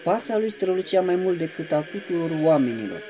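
A man giving a reverent, measured devotional reading that slips into chanted intoning at times. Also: sits high, very animated, warm tone. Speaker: reader of a saint's life.

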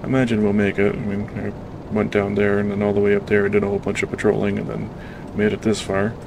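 A man giving casual, self-deprecating commentary while playing a submarine game, in a monotone way. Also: on the low side, fast, vocal fry. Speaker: gamer playing a submarine sim. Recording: noisy game audio behind voice.

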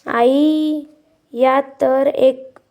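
A woman reading the lines of a mischievous little schoolgirl from a storybook lesson, slowly and deliberately. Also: high voice, steady tone, darkish tone, full character voice. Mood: petulant.

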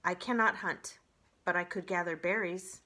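A woman voicing a gentle, literal-minded robot with formal, matter-of-fact speech in a children's book read-aloud. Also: fairly low pitch, steady tone, normal speed. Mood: calm, earnest.

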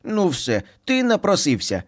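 A man's voice: high voice, huge pitch swings, measured pace, voice pushed up, full character voice. A man voicing two squabbling little boy bunny brothers in a storybook reading, whiny and bickering.

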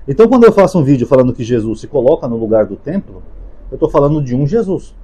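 A Brazilian man talks through the gospels in an easy, unscripted way, tossing in little fillers as he goes. His voice is very dark and mellow, with a husky edge. He speaks quickly, moving from point to point. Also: medium pitch, very animated. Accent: Brazilian Portuguese. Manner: conversational, many fillers like "né" and "tá". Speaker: YouTube Bible commentator. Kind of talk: casual spoken lecture on the gospels.

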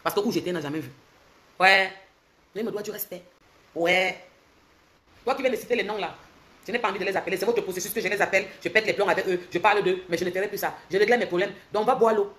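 She's a Cameroonian social media commentator in her forties, talking rapidly in a Cameroonian French accent during a heated livestream. Her confrontational delivery flips from loud mocking to low, intense lecturing, captured on a phone held close in a bright indoor space.

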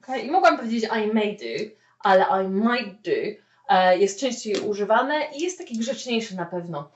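A woman teaching a spoken English lesson, explaining with lively "okay?" check-ins. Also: mid-range voice, moderate pace. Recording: echoey room, mic at a distance, dull lo-fi sound.

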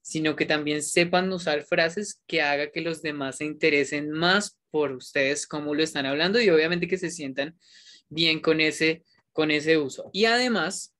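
A teacher speaks at a middle pitch in a coaxing, encouraging way, switching between Spanish and English. Words get repeated for emphasis as the teacher talks to students in an online class. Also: moderate pace, a bit bright.

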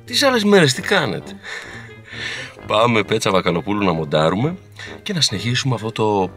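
A man's voice: on the low side, huge pitch swings, fairly bright tone, faint music behind. A man vlogging his workday as a video editor at a TV station, chatting casually to his camera with playful, joking asides. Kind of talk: casual vlog chat. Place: TV station, walking to the control room. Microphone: handheld camera.

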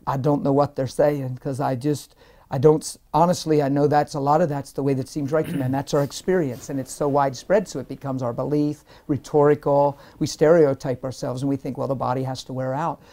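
A man in his forties giving an emphatic, animated personal testimony while seated in an interview, often breaking into laughter between points. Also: mid-range voice, a little fast. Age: 40s. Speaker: interview guest, minister. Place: indoor lounge-style set, seated in armchair.

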